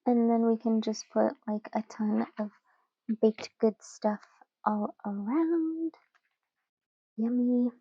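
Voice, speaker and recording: Young woman, slightly high voice, slow and chatty, dry close mic, casual journaling chat. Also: breathy edge, dry recording, lo-fi sound. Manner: relaxed, chatty, giggly, many fillers. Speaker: journaling channel host.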